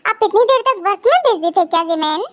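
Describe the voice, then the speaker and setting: A woman's voice: extremely high pitch, lively intonation, fast talker, fairly bright tone, no echo, clean studio sound. A woman voicing a suspicious young wife who questions her husband in a fan audio drama. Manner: questioning, pointed.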